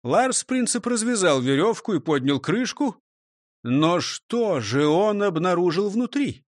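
Man narrating a story, high voice. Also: very animated, a little slow, dry recording, studio quality. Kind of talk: audiobook narration.

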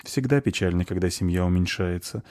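A man voicing a gentle male creature who speaks in a soothing, kind manner in an audiobook. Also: low voice, brisk, dry recording, studio quality, natural voice.

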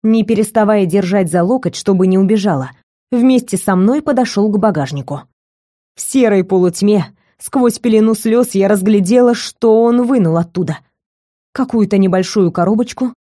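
A woman narrating a first-person novel as an audiobook, telling it in an expressive, intimate way. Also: medium pitch, normal speed, dry recording, studio quality.

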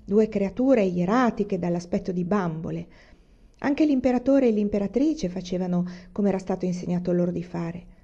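A woman reading a novel aloud as an audiobook, in a calm, measured storytelling manner. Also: mid-range voice, muffled recording. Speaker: reader.

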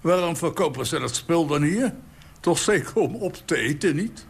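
A man's voice: on the high side, lively intonation, moderate pace, gravelly, breathy edge, voice pushed up, full character voice. An elderly man voicing a rude, brusque man in a cinema who grumbles dismissively.

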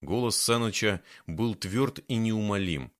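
A male audiobook narrator with a low-pitched voice and lively, expressive intonation. He reads the prose in a scripted storytelling style. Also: unhurried.

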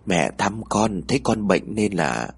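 A man voicing a gentle, sorrowful old mother-in-law who speaks in a slow, sighing murmur. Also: on the low side, big pitch swings, gravelly, breathy edge, pitched below the performer's own voice, heavily acted.

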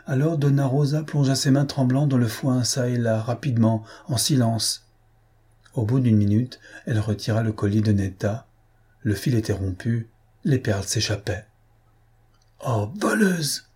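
A man narrating a classic novel in a measured, steady storytelling manner. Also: mid-range voice, breathy edge. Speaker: audiobook narrator. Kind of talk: scripted narration.

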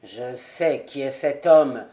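A woman voicing a grieving, vengeful colonel in an audiobook, stern and loud. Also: rumbling low, slow, pitched below the performer's own voice. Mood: furious.

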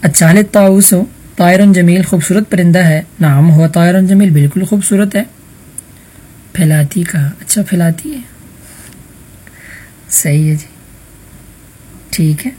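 A man leads an online Arabic vocabulary class in a husky, slightly breathy voice. His tone is mellow and warm, and he patiently quizzes students one by one. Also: sits high. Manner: patient, calls on students by roll number. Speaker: teacher.

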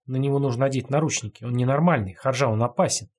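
A frightened male prisoner pleads in a hushed, urgent voice, read by a male narrator. His voice is husky and strained. It is a dark audiobook scene. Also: medium pitch, quick pace, lightly acted. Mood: anxious pleading. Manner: anxious, pleading.

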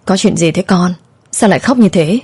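Woman voicing a gentle, reassuring father. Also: on the low side, normal speed, breathy edge. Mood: concerned. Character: worried middle-aged father, a fisherman.

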